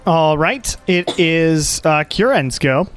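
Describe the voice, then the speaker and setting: A man's voice: on the high side, animated, slow pace, fairly bright tone, soft background music. A man running a tabletop fantasy game as game master, narrating casually and calling out rulings.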